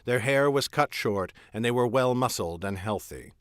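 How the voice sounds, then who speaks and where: A man reading his own fantasy novel aloud in an expressive storytelling manner. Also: mid-range voice, normal speed, no echo, clean studio sound.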